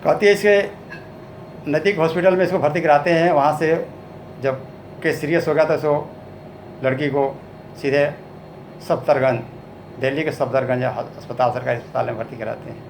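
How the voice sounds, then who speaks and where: Bhojpuri-accented male folk singer, raised pitch, gravelly texture; spoken narration alternating with sung verses. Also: steady tone, a little hiss or hum. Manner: slow, drawn-out sung lines between spoken narration. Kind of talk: spoken storytelling broken by sung ballad verses.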